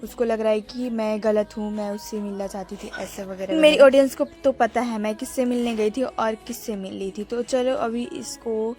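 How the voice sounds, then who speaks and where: Chatting casually at a normal speed, a young woman narrates her vlog and addresses her viewers directly as friends. Her slightly high voice rides over faint background music.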